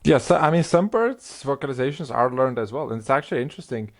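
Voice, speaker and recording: This is a conversational interview featuring a middle-aged man whose first language is Slovenian, a professor of linguistics appearing as the guest. He talks haltingly, restarting often and leaning on fillers, in an expressive, mid-range voice.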